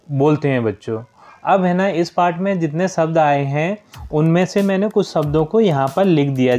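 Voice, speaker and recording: Patient male teacher, mellow voice. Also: a little high. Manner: patient, keeps addressing children. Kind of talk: explaining a school worksheet.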